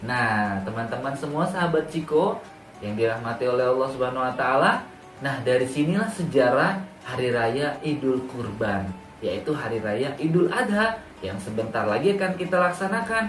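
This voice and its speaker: A man telling a religious story to children in an expressive way, addressing his young listeners directly with emphatic repetition. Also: medium pitch, moderate pace. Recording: roomy echo, distant mic, background music. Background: music.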